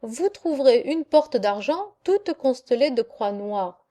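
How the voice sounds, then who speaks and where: Saint Peter, an elderly keeper of heaven's gate, talks in an unhurried, fatherly way, as a woman narrator puts him on. It is a high voice with a soft, mellow tone, and it takes its time over each phrase of the storybook. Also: lively intonation. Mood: reassuring. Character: Saint Peter, kindly old gatekeeper of heaven.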